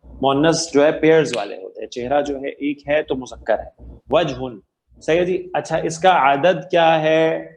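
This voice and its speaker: Patient male grammar teacher, slightly high. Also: gravelly, slight background noise. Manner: patient, quizzes students with frequent "sahi hai ji" affirmations. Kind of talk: interactive online class lecture.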